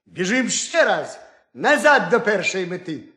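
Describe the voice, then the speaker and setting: A man voicing a proud, hasty male hare who speaks in an excited, indignant way, for a folk tale. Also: high voice, a little slow, exaggerated voice. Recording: roomy echo.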